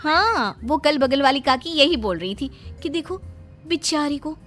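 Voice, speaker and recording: Cartoon daughter-in-law, young and sly, whiny, bright high voice , voiced by a woman. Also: animated, a little slow, soft background music. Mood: cheeky. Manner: coaxing, whiny over mangoes. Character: young mango-loving daughter-in-law, cheeky.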